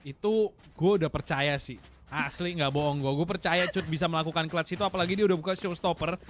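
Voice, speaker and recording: Indonesian man, higher-pitched, esports announcer commentary, emphatic slangy analysis, noisy clicking background. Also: fast talker. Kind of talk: excited fighting-game-announcer style match commentary.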